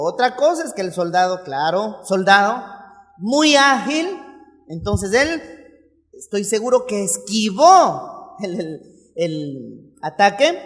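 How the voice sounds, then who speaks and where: A man's voice: very high voice, fairly bright tone. A male preacher giving a sermon, telling the story vividly with rhetorical questions and playful acted asides. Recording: long hall reverb.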